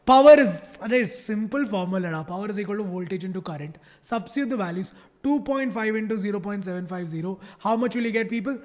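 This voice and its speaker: A man's voice: high voice, fast. A male teacher with a South Indian English accent runs a live online class in a chatty, teasing way. He keeps firing questions at his students and pretends that easy problems are terrifying. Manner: playful, mock-dramatic teasing.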